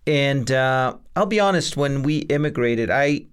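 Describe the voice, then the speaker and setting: A middle-aged man from El Salvador, a lawyer and law professor, giving earnest, halting interview answers with many fillers. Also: mid-range voice, expressive, clean tone. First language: Spanish.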